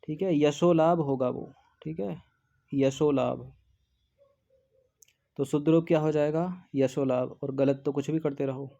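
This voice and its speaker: A male tutor walks through a test paper methodically, reading each option aloud and ruling it out. His voice is mellow and fairly high, but his delivery stays level and flat. The recording sounds dull and lo-fi. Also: measured pace, creaky, long pauses. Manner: methodical, reads options aloud and eliminates them one by one. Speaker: exam-prep teacher. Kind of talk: explaining a Hindi test paper.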